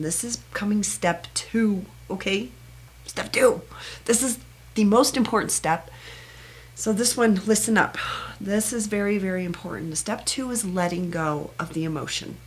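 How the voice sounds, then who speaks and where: A woman teaching a self-help meditation technique in a soft, earnest manner, speaking in short, repeated phrases. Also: medium pitch. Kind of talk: gentle guided self-help instruction.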